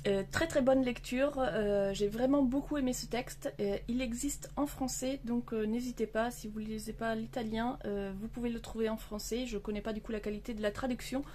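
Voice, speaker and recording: A woman chats casually about her reading in a vlog, her voice sitting a little high for a woman. She talks with her hands and fills her sentences with hesitations and restarts. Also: steady tone, fairly quick, hardly any pauses, mellow, slight background noise. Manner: hesitant, many fillers and restarts. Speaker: book vlogger. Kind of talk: casual chat. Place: outdoor terrace.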